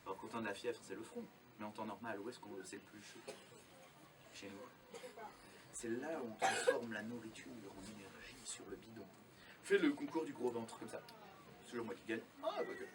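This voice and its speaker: A man's voice: fairly low pitch, expressive, moderate pace, crowd noise. A man performing as a children's party magician, playful and theatrical, coaxing young spectators with questions and instructions. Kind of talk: live magic show for children. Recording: distant live recording, children's audience audible. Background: audience of children.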